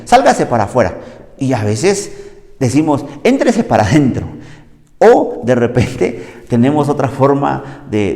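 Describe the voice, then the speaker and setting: Guatemalan pastor, male, mid-pitched, animated sermon delivery, church reverb. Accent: Guatemalan Spanish. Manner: animated, acts out dialogue with big pitch jumps. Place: church hall. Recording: long church-hall reverb.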